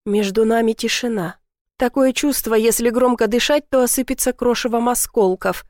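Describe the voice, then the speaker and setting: A woman's voice: a little high, normal speed, darkish tone, no echo, clean studio sound. A woman narrating a first-person romance story in an intimate, emotional way. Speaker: audiobook narrator.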